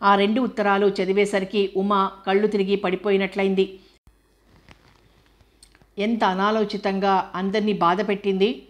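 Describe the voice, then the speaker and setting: Brief: woman audiobook narrator, evenly paced novel reading, middling pitch, monotone. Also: normal speed, pauses often. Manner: steady, even reading.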